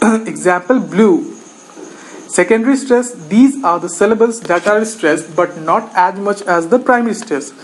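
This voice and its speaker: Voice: medium pitch, poor audio. A teacher giving a recorded lecture, methodically reading out lists of example words one at a time.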